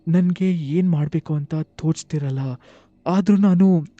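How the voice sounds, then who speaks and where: A man narrating a first-person horror story with animated, tense delivery, acting out the dialogue himself. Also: on the high side, measured pace, dry recording, dull audio.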